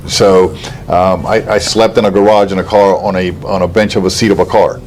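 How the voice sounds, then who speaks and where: An older man from Cuba speaks quickly and earnestly in an interview, with a lowish voice. He fills pauses with um and uh, and a faint room hum sits behind him. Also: fairly even intonation, darkish tone. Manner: earnest, talks fast in long runs with frequent um and uh. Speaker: political candidate, guest. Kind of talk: interview answers.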